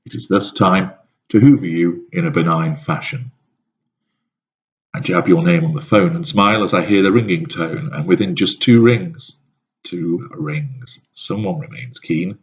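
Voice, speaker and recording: A man reading a scripted first-person narration in a cold, calculating, measured manner. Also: low voice. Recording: dull lo-fi recording.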